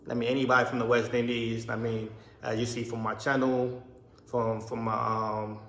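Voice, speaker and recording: A man in his thirties, from Barbados but raised in the US, tells a personal story in a rambling vlog full of restarts. His voice is medium-pitched and fairly bright, delivered flatly at normal speed, in an echoey room.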